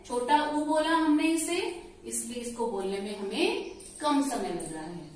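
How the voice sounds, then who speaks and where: A woman's voice: a little high, lively intonation, darkish tone, distant mic. Patient woman teacher in an echoey room. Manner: slow, patient explaining with questions to pupils. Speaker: school teacher. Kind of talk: classroom lesson.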